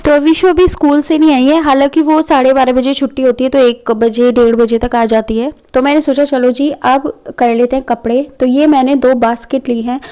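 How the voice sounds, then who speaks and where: Woman, 30s, mother-vlogger; casual home narration, high voice, warm and smooth. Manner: chatty, homely, with frequent fillers. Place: home, indoors.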